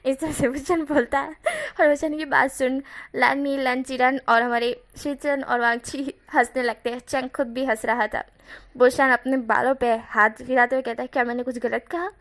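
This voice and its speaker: A woman retelling a fan story in a chatty way, with slips and quick self-corrections. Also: high voice, level tone, fairly bright tone. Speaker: narrator.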